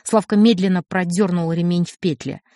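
A woman audiobook narrator reading a story in a measured, expressive way. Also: lowish voice, no room sound. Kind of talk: scripted narration. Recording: dry studio recording.

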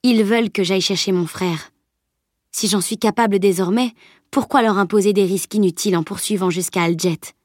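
A woman's voice: mid-range voice, fairly quick, no echo, studio quality, natural voice. A woman reading the part of a determined teenage girl in an audiobook, earnest and resolute.

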